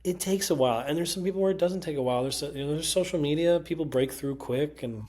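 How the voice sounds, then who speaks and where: A male comedian with a Connecticut accent appears as a guest, telling animated, profane stories in casual conversation. He mimics other people's voices, and his own voice sits on the high side and moves fast.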